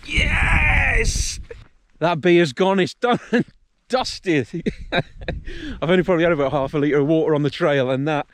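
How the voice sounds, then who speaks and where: A man's voice: a little high, fairly even intonation, quick pace, smooth. A man chatting casually and jokily to camera, with some swearing, as he vlogs a hiking and camping trip outdoors in the wind. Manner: jokey, matey and sweary. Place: outdoors on a windy hillside. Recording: loud outdoor wind and ambient noise.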